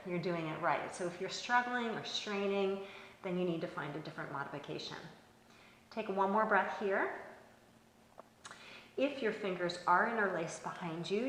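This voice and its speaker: A woman teaching a slow-flow yoga class, giving calm, encouraging cues and laughing off small mishaps. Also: medium pitch, slight background noise. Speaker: yoga instructor. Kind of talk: guided yoga class instruction. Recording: echoey room with long reverb.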